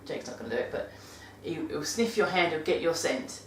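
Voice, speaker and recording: Low-voiced British woman in a roomy space. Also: animated, fairly quick, slight background noise. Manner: chatty, rambling, self-correcting with laughs. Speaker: vlogger giving dog-care tips. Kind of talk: casual monthly vlog talk. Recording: roomy sound from a distant mic.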